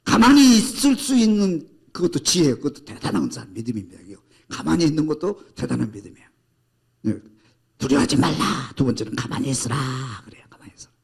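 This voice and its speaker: A male pastor preaching a sermon with emphatic delivery, shouting out scripture commands and acting out grumbling people. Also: a little high, big pitch swings, fast talker, vocal fry, husky.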